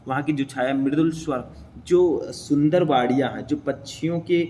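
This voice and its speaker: A man's voice: on the high side, normal speed, warm tone, slight background noise. A young man teaching a class, explaining a poem line by line and often checking in with his listeners.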